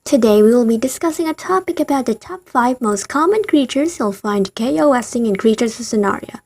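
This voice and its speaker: A woman's voice: fairly high pitch, animated, brisk, darkish tone. A woman narrating a ranking of game creatures, with wry, rambling asides in a voice she herself calls tired and dead. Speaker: gaming video narrator. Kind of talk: scripted game ranking commentary.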